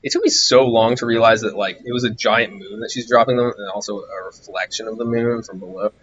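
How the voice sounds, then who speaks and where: A low-pitched man talks through his gameplay in a loose, wandering way, thinking aloud and getting sidetracked. His voice is hoarse and wearing out. The stream audio is dull and lo-fi, with a faint hiss underneath. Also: steady tone, brisk, a bit bright. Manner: rambling, distracted, musing aloud. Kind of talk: casual gameplay commentary.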